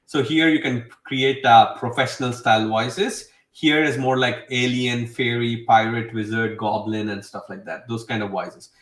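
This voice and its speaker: A man's voice: mid-range voice, fairly even intonation, moderate pace, hardly any pauses, fairly bright tone. A man gives a casual, enthusiastic walkthrough, rambling and leaning heavily on fillers. He sits some distance from the mic. His voice rings around a roomy space. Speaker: host demonstrating software. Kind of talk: casual screen-share tutorial. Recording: roomy sound, away from mic.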